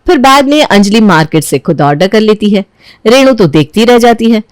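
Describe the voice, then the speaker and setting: Soft-spoken woman narrating a cartoon story. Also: mid-range voice, lively intonation, normal speed, clear, resonant tone, no room sound, clean studio sound.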